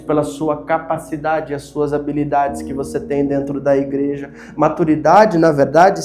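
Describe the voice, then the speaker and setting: A Brazilian man preaching a sermon as pastor, with a Brazilian Portuguese accent, piling up emphatic rhetorical questions. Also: a little high. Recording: faint music behind.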